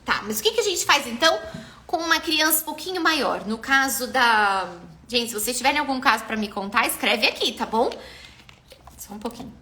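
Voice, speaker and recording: A Brazilian woman in her thirties talks through parenting on a casual live stream. Her voice sits high and swings widely, animated and expressive. Her tone is bright and clear, and she acts out the lines of parents and children as she talks. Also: fairly quick, a little hiss or hum. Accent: Brazilian Portuguese.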